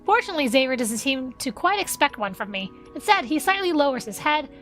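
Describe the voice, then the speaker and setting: A woman streaming a game, reading the story aloud and breaking off into excitable reactions. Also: high-pitched, brisk, faint music behind.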